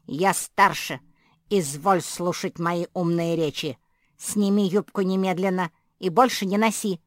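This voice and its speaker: Lady doing a bossy snappy poodle, stern orders, slow. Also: lowish voice, dry recording, studio quality, close to an everyday voice. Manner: stern, commanding.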